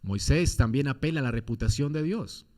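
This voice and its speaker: A man's voice: medium pitch, fairly quick, darkish tone. A man preaching a sermon as pastor, firing off rhetorical questions with emphatic swings in his delivery.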